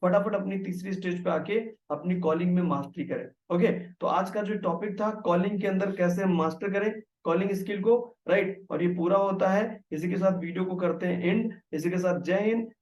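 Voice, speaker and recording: A man's voice: high voice, normal speed, few pauses, darkish tone. A man giving a motivational training talk on sales calling, often checking in with "right" and explaining through examples. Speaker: network marketing trainer. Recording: echoey room, mic at a distance.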